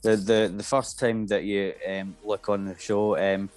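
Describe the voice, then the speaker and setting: A man co-hosting a casual pop-culture podcast, musing aloud with frequent pauses and restarts. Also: fairly low pitch, level tone, darkish tone, dry recording. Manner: hesitant, lots of um and restarts while musing. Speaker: podcast co-host.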